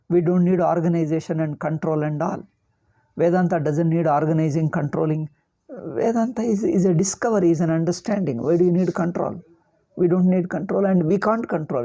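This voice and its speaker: An older spiritual teacher with a South Indian accent gives an informal religious discourse. His voice is warm and medium in pitch, and he repeats words and phrases for emphasis.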